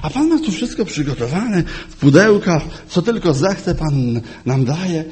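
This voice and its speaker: A man's voice: fairly high pitch, unhurried. A man preaching a sermon, telling a story and acting out the voices in his quotes. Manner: animated, acts out quotes, chuckles often.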